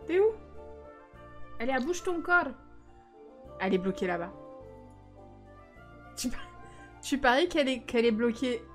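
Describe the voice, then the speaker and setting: A woman's voice: sits high, big pitch swings, normal speed, pauses often, faint music behind. A woman streaming a life-sim game, chatting casually and teasing her viewers. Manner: chatty, teasing, talks back to chat.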